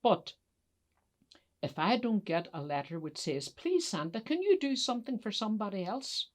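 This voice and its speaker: A woman voicing a fed-up but kindly old male Santa, speaking emphatically with drawn-out words in a children's story. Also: medium pitch, very animated, pitched above the performer's own voice, close to an everyday voice. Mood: fed up, resolute.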